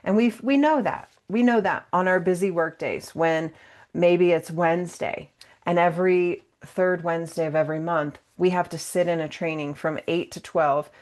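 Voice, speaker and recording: A woman with a somewhat low voice leads a training talk on yoga and mindfulness. She speaks casually and encouragingly, checking in with her listeners and breaking into playful voiced examples. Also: fairly even intonation, normal speed, a little mellow. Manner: acts out everyday exchanges in a playful voice. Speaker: yoga and mindfulness workshop presenter.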